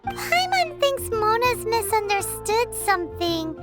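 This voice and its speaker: A woman voicing a tiny, excitable, caring fairy companion in a video game, with a squeaky childlike voice and a cutesy manner. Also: slow, over loud music, full character voice. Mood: concerned. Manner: cutesy, refers to self in third person.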